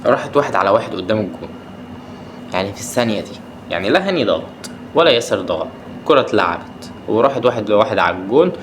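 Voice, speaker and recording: A man's voice: mid-range voice, a little hiss or hum. A man with an Egyptian accent hosting a football podcast, recapping a match in a casual way and asking the players the same exasperated questions again and again. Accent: Egyptian Arabic. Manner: exasperated, repeats his questions, rants at the players.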